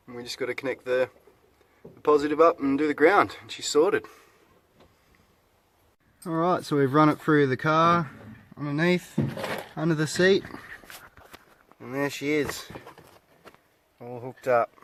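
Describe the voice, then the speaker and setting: Laid-back New man, noisy recording. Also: a little high. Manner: laid-back, colloquial, plain-spoken. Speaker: host of a DIY car video. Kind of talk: casual hands-on DIY vlog narration.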